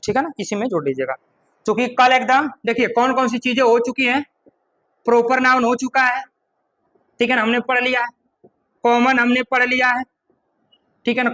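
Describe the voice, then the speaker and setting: High, bright-voiced man teaching grammar. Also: steady tone, brisk, long pauses, rough recording. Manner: repeats points and keeps asking "ठीक है ना"; asks the class questions and answers them himself. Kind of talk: classroom lecture.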